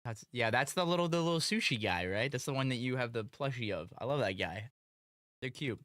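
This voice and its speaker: A casual live streamer with a bright, mid-pitched voice. The delivery is very animated, slangy and exclamatory. The sound is close and dry. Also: a little fast, dry recording.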